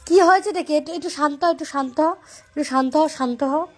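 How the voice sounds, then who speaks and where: A young woman with a high voice talks to her snapping pet dog. She coaxes and pleads, repeating the same short phrases again and again. Faint music plays underneath. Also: fairly even intonation, rapid-fire. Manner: soothing and pleading with repeated words. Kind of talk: coaxing talk to a pet.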